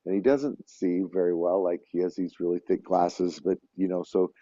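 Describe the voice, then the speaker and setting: A man's voice: low voice, flat delivery, moderate pace, dark tone, dry recording. A man telling stories as a guest, chatting casually with lots of restarts and fillers. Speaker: guest, Santa performer living in Japan. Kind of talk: casual conversation. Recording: dull, lo-fi and dry.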